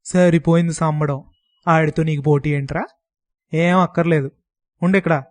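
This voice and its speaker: A man's voice: fairly high pitch, expressive, normal speed, a little mellow, no room sound, lightly acted. A man voicing a bossy scolding village aunt. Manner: bossy, scolding in rural dialect. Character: scolding village aunt, middle-aged woman.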